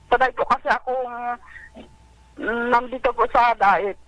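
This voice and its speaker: A woman caller on a radio program who speaks softly and hesitantly, near tears, over a phone line. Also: on the high side, steady tone, measured pace, no echo. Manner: soft, hesitant, tearful.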